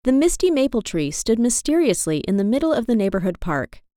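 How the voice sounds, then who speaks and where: A woman reads a children's storybook aloud with an animated, expressive delivery. Her pitch moves lively up and down through the sentences. The sound is close and dry, with no room echo. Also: fairly quick. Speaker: narrator.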